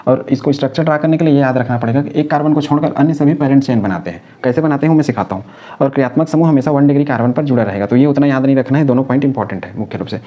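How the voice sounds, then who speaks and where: Man, chemistry teacher, rapid classroom lecture, repeats key terms, slightly dull sound. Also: mid-range voice. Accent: Hindi-speaking North Indian. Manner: explains step by step, repeats key terms, asks and answers own questions.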